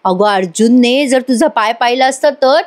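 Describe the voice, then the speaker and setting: A woman's voice: a little high, moderate pace, close to an everyday voice. A woman voicing a scheming young woman who panics, acting out her lines in a voice-over recap of a TV serial. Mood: panicky.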